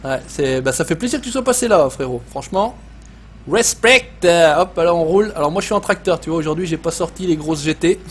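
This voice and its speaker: A man's voice: a little high, animated, a little fast, slight background noise. A man with a Savoyard French accent hosting a casual live gaming stream, swearing often, joking and reading chat messages aloud.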